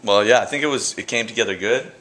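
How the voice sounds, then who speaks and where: A young man from Canada talking casually about his paintings at his gallery show, relaxed and rambling, with fillers and restarts. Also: fairly low pitch, fast. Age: young adult. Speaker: painter interviewed at his exhibit. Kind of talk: casual interview answers. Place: art gallery indoors. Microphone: handheld camera close by. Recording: echoey gallery room.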